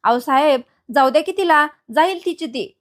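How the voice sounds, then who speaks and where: A woman's voice: sits high, expressive, moderate pace. A woman voicing a worried male driver who pleads with his boss. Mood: pleading.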